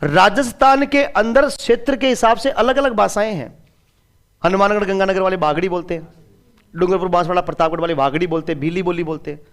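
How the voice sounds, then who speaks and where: A man's voice: sits high, steady tone, fairly quick, a bit bright. A man teaching an exam-prep class in a chatty way. He asks his students questions and then answers them himself, and he drops in phrases of local dialect. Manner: slips into regional dialect phrases. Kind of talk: classroom lecture.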